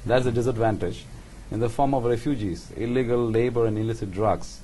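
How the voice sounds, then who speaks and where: A man's voice: mid-range voice, steady tone, brisk, warm tone, a little hiss or hum, poor audio. A man interviewing formally, with a conversational, probing way of rephrasing and summing up as he asks.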